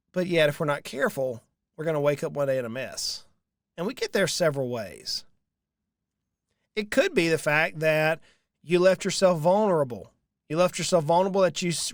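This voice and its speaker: Sitting in front of a large studio mic with headphones on in a small, dark-curtained room, a thirty-something financial advisor from the Southern United States hosts a solo show to camera offering money advice. His voice is fairly high for a man with a fairly bright tone, and he speaks earnestly, repeating phrases for emphasis. The close sound is dry and dead, with no echo.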